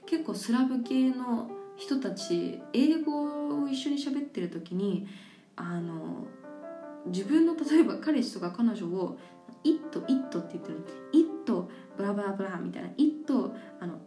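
A woman hosts a relaxed radio talk, explaining her points through example after example and laughing easily. Her voice is mellow and dark-toned. The studio sounds roomy, with a soft guitar playing faintly behind her. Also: on the high side, unhurried. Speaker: radio host. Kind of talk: casual radio talk about languages. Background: faint guitar music.

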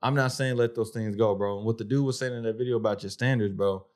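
A man's voice: fairly low pitch, steady tone, quick pace, a little mellow. A man co-hosting a podcast in casual, colloquial chat, addressing his friend like a buddy. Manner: colloquial, peppers speech with "bro" and "man". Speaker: podcast co-host.

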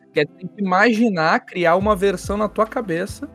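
Apresentador de podcast rápido. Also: male voice, high-pitched, fairly bright tone, soft background music. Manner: fast, prompting follow-up questions. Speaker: podcast host. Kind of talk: casual interview questions.

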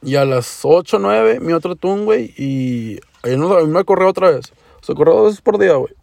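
Creaky young northern Mexican man, slangy Chicano-style storyteller. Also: fairly high pitch, lively intonation, brisk, a little mellow, no room sound. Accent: northern Mexican border. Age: young adult. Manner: slangy, profane, with Chicano-style English words mixed in; acts out dialogue. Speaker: podcast host. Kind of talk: casual storytelling podcast.

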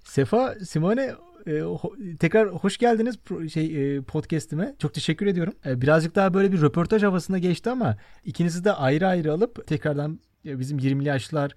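Higher-pitched young man hosting a podcast. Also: a little fast, hardly any pauses, darkish tone, dry recording, clean studio sound. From Turkey. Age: 20s. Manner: careful word choice. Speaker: podcast host. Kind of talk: casual chat.

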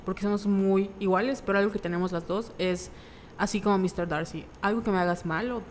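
A young woman with a Mexican accent chatting casually, acting out quoted lines from her mother in animated bits. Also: mid-range voice, fairly quick, a little hiss or hum. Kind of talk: casual chat. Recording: long reverb, faint background ambience.

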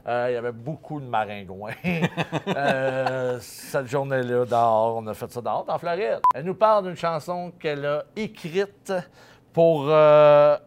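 A man's voice: medium pitch, measured pace, slight background noise. A Québécois man hosting a podcast, in a loose and joking tone with many fillers. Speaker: podcast host. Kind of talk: casual podcast chat.

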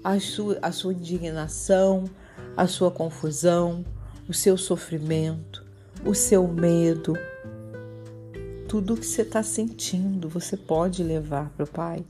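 A woman leading a gentle, personal spiritual talk that flows into a guided meditation, over soft guitar music. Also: lowish voice, steady tone, slow.

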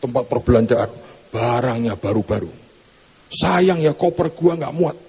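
A man's voice: mid-range voice, expressive, measured pace, vocal fry, dark tone, breathy edge, full character voice. A man voicing a boastful rich woman churchgoer who brags chattily about her shopping trip. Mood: bragging. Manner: showy, name-dropping, chatty boasting. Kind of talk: comic sermon anecdote.

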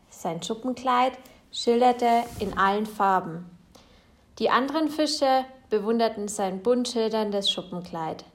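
A woman reading a children's picture book aloud in a slow, expressive way. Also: mid-range voice. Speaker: storyteller.

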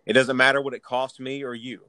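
A man preaching in a Southern US accent, his voice sitting at an ordinary middle pitch. He teaches a sermon with earnest emphasis, circling back to repeat his key words. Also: little pitch movement, brisk, bright, forceful tone, no room sound, rough recording.

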